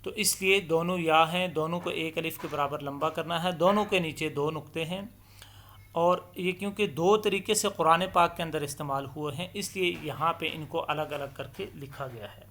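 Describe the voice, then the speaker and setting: A man teaching Arabic letter pronunciation step by step, patiently explaining and stretching each letter sound long and loud as he demonstrates, with English terms mixed in. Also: on the high side, slight background noise. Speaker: Quran recitation teacher.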